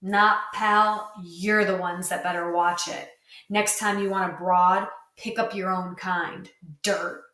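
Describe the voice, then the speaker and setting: A woman's voice: fairly low pitch, level tone, slow, bright, forceful tone. A woman reading the lines of a drunk, sneering rich teenage bully, taunting and a little unsteady. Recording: roomy, distant mic.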